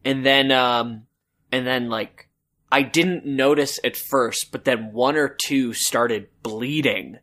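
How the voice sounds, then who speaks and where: A man co-hosting a casual book-discussion podcast, talking slowly and unhurriedly. His voice is bright and forward. He rambles, filling his sentences with "like" and "um". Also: medium pitch, fairly even intonation. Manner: rambling, full of "like" and "um". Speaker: podcast co-host.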